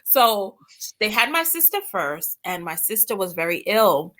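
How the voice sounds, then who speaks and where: Animated woman telling family stories. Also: mid-range voice, unhurried. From born in England, raised in Guyana and Brooklyn. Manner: animated storyteller, laughs often. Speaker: guest author. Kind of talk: interview, personal storytelling.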